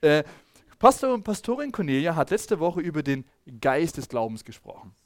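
Man preaching, animated delivery, slightly high voice, dry close sound, talks to congregation. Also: moderate pace, no echo. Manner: lively, calls on congregation, loses track of notes. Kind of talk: sermon.

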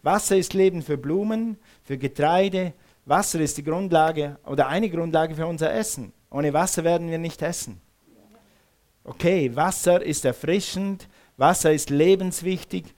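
Guy preaching a sermon in church, slightly high voice, gets the crowd to repeat words back. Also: normal speed, darkish tone. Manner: engages the congregation with call-and-response; uses some Swiss words. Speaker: pastor. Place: church hall with congregation.

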